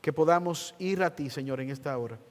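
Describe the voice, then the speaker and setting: A man who is a pastor, preaching a sermon slowly and earnestly and then leading a prayer, stretching out key words. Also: on the high side, darkish tone, big-room sound. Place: church.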